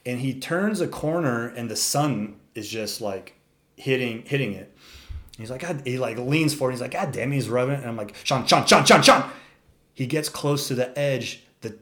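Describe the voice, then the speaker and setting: Animated young man telling a wild story. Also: medium pitch. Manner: animated, profane, says "dude" a lot, acts out quotes. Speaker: storyteller guest. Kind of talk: casual storytelling.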